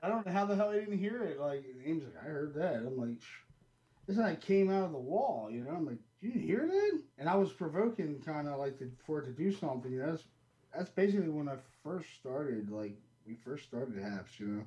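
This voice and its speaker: A man's voice: a little high, animated, brisk, dark tone, highs cut off. A man hosting a podcast in casual chat, telling stories animatedly and acting out what he said. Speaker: podcast host. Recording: roomy echo.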